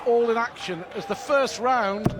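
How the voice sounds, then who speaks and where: A man's voice: very high voice, measured pace. A man giving conversational, analytical live commentary on a darts match. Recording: clear crowd noise behind commentary. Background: arena crowd.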